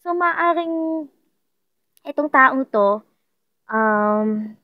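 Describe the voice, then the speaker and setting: A woman's voice: high-pitched, expressive, very slow, no room sound, narrow, tinny audio. A woman doing a casual tarot reading for viewers, chatty and playful, often repeating herself and laughing. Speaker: tarot card reader.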